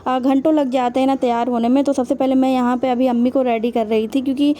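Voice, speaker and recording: A woman's voice: sits high, flat delivery, quick pace, warm tone. A young woman casually narrating her day for a vlog, chatting to viewers as friends. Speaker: vlogger.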